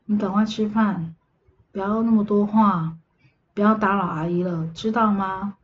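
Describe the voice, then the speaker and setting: A woman's voice: medium pitch, steady tone, moderate pace, highs cut off, close to an everyday voice. A woman voicing a cold, watchful kindergarten teacher in a spoken ghost story, talking in a clipped, commanding way. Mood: stern.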